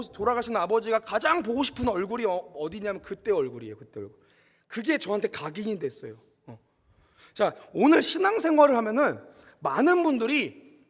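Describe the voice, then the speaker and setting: A man preaching a sermon in a church, telling a personal story in an animated way and speaking straight to the congregation. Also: high voice, breathy edge, in a large hall. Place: church sanctuary.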